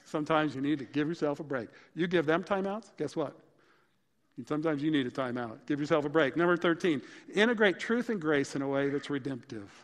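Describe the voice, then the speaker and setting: A male pastor preaching a sermon, listing his points in a punchy, lively way. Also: fairly high pitch, a little fast, big-room sound. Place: church sanctuary.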